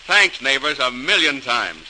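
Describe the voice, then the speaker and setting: A mid-range, bright and forceful voice, very animated and exaggerated yet at a measured pace, plays John Roebling in old-time 1940s radio drama style. The actor's earnest, determined engineer-inventor rallies his neighbors with hearty, eager, emphatic and stagey delivery, heard on a noisy old recording.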